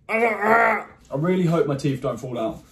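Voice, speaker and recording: A young man vlogging in his bedroom as he tries candy, excitable and joking, cursing and exclaiming as he goes. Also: on the high side, unhurried, gravelly, echoey room. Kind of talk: casual candy-tasting vlog.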